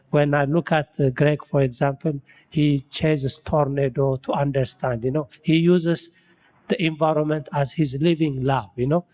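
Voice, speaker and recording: Speaking in a large hall, this man's slightly high, darkish voice carries his thoughts as he works them out on a buildings-and-climate panel. He's a building science researcher from Ethiopia who hunts for words and keeps adding "you know" to what he says.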